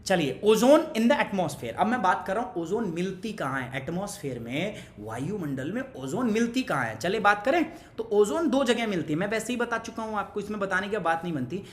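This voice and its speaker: A man's voice: high voice, animated, moderate pace, hardly any pauses, echoey room. A young man teaching an online exam-prep class, chatty and pushy, mixing Hindi with English and asking the class questions as he goes. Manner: pushy, motivational asides to students.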